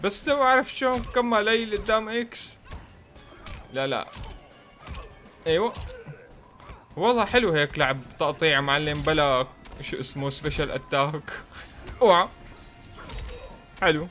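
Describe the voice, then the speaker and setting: Guy yelling at his opponent while he plays, bright punchy voice, bit of game music under it. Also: on the high side, moderate pace, long pauses. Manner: excitable, teasing the opponent, talking to himself. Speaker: gaming channel host. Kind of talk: gameplay commentary.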